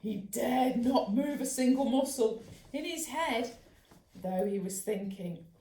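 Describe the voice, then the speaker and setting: A woman, a children's author, reading a bedtime story aloud in a lively, expressive way. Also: on the high side, takes it slowly. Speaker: children's author and dog trainer. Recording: roomy echo.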